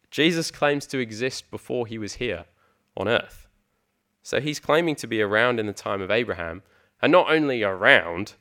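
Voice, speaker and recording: Male preacher, lowish voice, earnest and emphatic sermon delivery. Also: fairly bright tone. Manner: earnest, emphatic, with frequent ums and repeated words.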